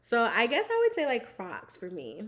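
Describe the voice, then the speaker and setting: A woman's voice: fairly high pitch, wildly swooping pitch, moderate pace, a bit bright. A bubbly young woman hosting a live stream, chatting casually with her viewers, giggling often, saying "like" a lot, and talking while she snacks. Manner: bubbly and giggly, fills speech with "like". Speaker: livestream host.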